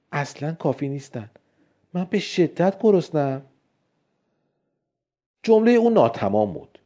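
A man narrating a scary story and lifting his voice for the characters' lines. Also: warm tone. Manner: voices the characters with raised pitch. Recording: dull lo-fi recording.

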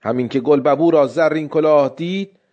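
Male narrator, slightly high-pitched, steady storybook reading. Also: muffled recording.

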